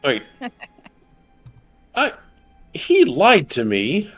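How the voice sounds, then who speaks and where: A man's voice: sits high, wildly swooping pitch, drawn-out words, fairly bright tone, soft background music. A man playing a tabletop game, chatting casually and joking along.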